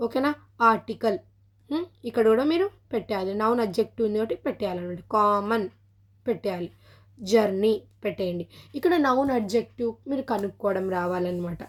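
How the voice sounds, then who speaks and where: A woman English teacher with a Telugu accent explains a lesson to students. She often stops to ask if they follow, and she says example words slowly to show where the stress falls. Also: medium pitch. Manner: mixes Telugu and English, checks in with "okay?" often. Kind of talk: classroom-style explanation.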